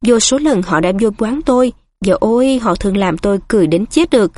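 A woman's voice: mid-range voice, lively intonation, brisk, darkish tone, dry recording, lightly acted. A woman voicing a chatty, confiding woman innkeeper in a storybook reading.

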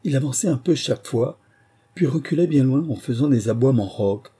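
A man narrating a storybook as an audiobook reader, in a measured storytelling manner. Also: medium pitch, lively intonation, dark tone, breathy edge. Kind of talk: scripted narration.

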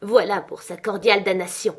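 A woman's voice: mid-range voice, steady tone, moderate pace, husky, close to an everyday voice. A woman voicing a drunken, blasphemous man in an audiobook, mocking and defiant. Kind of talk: audiobook character reading.

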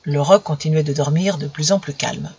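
Audiobook reader, woman, steady narration with a few slips, dull recording. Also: sits low, moderate pace, husky. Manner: steady storytelling with small slips.

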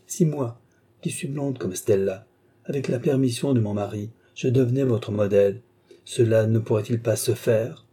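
Brief: man putting on an eager middle-aged baker's wife, fervent, dark husky tone, storybook. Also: mid-range voice, normal speed, lightly acted. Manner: fervent, pleading.

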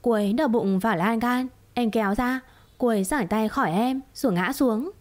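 A woman's voice: fairly high pitch, a little fast, natural voice. A woman voicing a wronged, defiant young mother, speaking curtly and indignantly in a story. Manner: curt and indignant.

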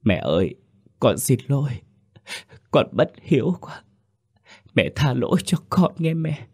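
A man's voice: lowish voice, expressive, normal speed. A man voicing a grieving middle-aged son who pleads tearfully in a trembling voice. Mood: sobbing. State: crying.

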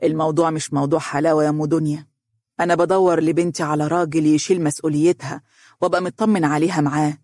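A man playing a calm, measured middle-aged father with an Egyptian accent. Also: on the high side, dry recording, clean studio sound, close to an everyday voice. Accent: Egyptian Arabic.

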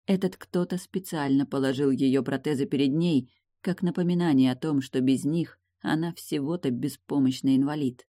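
A woman reading a novel aloud in an even, measured way. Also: rumbling low, no echo, studio quality. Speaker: audiobook reader. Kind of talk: audiobook narration.

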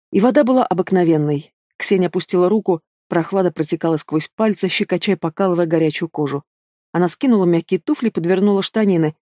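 Audiobook narrator, steady fantasy storytelling, dry booth read. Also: medium pitch, no echo.

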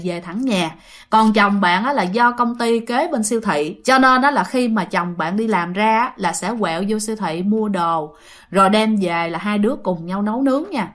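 A woman's voice: mid-range voice, a bit bright. A woman telling a ghost story in a chatty way, speaking straight to her listeners. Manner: chatty, addressing listeners directly.

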